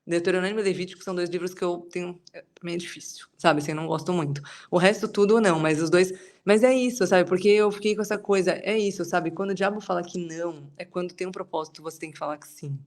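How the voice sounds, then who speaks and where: A woman's voice: lowish voice, quick pace, darkish tone. A Brazilian woman leading a Bible study group, sharing a personal testimony in a chatty, rambling way with many fillers. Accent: Brazilian Portuguese.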